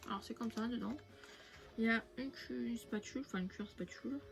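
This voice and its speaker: A woman's voice: on the high side, brisk, gravelly. A young woman from France chatting casually through a shopping haul, rambling with many fillers and restarts. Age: young adult. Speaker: beauty vlogger. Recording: music playing behind.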